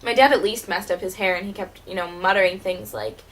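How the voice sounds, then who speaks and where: A woman playing a wounded, wry teenage girl who was once a child stage performer, delivering a dramatic monologue in a bitter, halting way. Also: medium pitch, lightly acted, low-quality recording. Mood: hurt, bitter. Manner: bitter, hurt, halting with repeated words.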